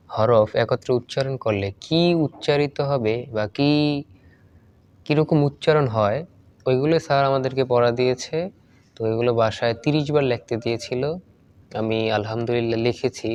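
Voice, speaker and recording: Guy reading korean syllable drills out loud, steady list-like recital, mid voice, faint bit of background hiss. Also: medium pitch. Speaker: Korean language student.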